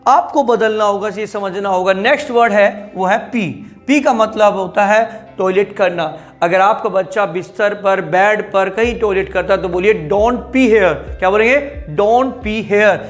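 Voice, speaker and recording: A young man with a high-pitched voice gives a spoken lesson to parents. He repeats each English phrase several times and keeps asking the listener to repeat it. Soft music plays faintly behind him. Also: unhurried, hardly any pauses. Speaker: English teacher.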